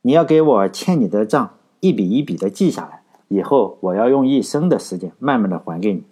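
A man voicing an earnest young male writer who dotes on his girlfriend, in a husky, low voice. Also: expressive, a little fast, warm tone.

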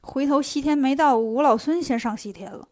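A woman voicing a hot-tempered male monkey king who talks loudly and impatiently. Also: high-pitched, brisk, natural voice. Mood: bickering. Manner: loud, impatient, cheeky shouting.

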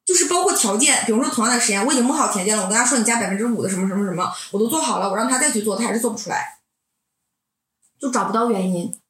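A woman in her twenties, a doctoral student, telling a candid personal story in an animated, sometimes heated way. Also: on the high side, rapid-fire. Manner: animated, heated, then reflective. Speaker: doctoral student recounting mentoring. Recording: roomy echo.

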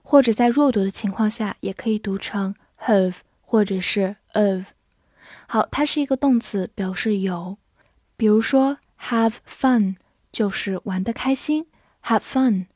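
A young woman teaching English vocabulary in Chinese, explaining patiently and slowing down to spell and drill each word. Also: medium pitch, darkish tone, no room sound, clean studio sound.

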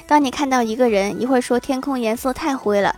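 Cheerful higher-voiced woman hosting a podcast. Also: quick pace, darkish tone. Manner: cheerful, laughs often while reading. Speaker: podcast host reading listener messages. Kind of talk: casual chat.

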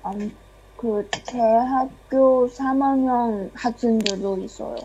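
A woman's voice: a little high, steady tone, slow pace, highs cut off, background noise. Young woman speaking hesitant, Chinese-accented Korean. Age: young adult. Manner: hesitant, self-deprecating. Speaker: guest, student of Korean. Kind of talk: casual interview chat.

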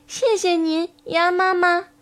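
Eager little tadpoles in a storybook, calling out in very high, bright childlike voices, as a woman puts them on. They sound small, young and full of hope as they search. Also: steady tone, takes it slowly, exaggerated voice.

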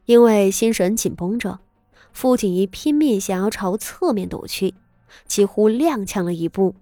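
A woman reading a serialized story aloud as its narrator, with dramatic, expressive delivery and tense pauses. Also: mid-range voice, no room sound, soft background music. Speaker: audiobook narrator.

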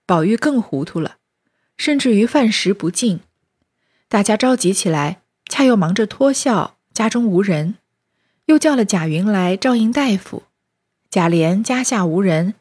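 Husky woman narrating a classic novel. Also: medium pitch. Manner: steady retelling, lightly acting out speech. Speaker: storyteller.

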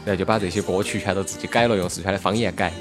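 His voice sits low and his intonation stays fairly even, but he races along: a Sichuanese talk show host with a Sichuan accent. In casual dialect he tells stories, asks rhetorical questions and reminisces about local radio and music, all with music playing underneath.

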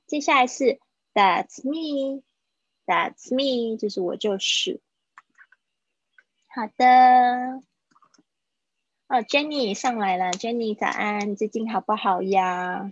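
A woman teaches English in a relaxed, chatty way, slowing down to model each phrase more than once. Her voice is a little husky and sits in an ordinary middle register. The livestream audio is dry and slightly dull. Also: medium pitch, no echo. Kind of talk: livestreamed language lesson.

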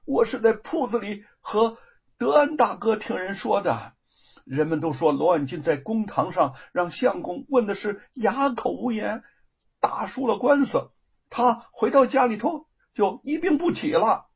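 A man voicing an excitable young woman in a spoken storybook, calling out news loud and high. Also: unhurried, gravelly, slightly rough, muffled recording, exaggerated voice. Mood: elated.

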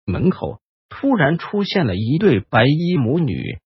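A man hosting and narrating a ghost story in a slow, hushed storytelling manner. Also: fairly high pitch, very animated, dull audio, a little hiss or hum. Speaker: host and storyteller.

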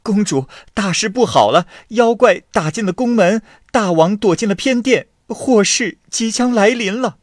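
A man voicing a frantic young palace maid who bursts in with bad news, her voice shrill and panicked. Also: expressive, normal speed, hardly any pauses, no room sound, studio quality.

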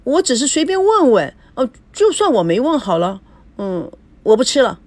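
A woman's voice: a little high, very animated, normal speed, darkish tone, no room sound, pitched above the performer's own voice. Woman doing a willful, curt young daughter. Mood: nervous.

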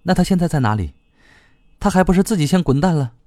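A man reading a story aloud, voicing an irritable, foul-mouthed man who speaks sharp and raised. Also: on the high side, lively intonation, quick pace, no echo, studio quality, pitched above the performer's own voice, close to an everyday voice. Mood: irritated.

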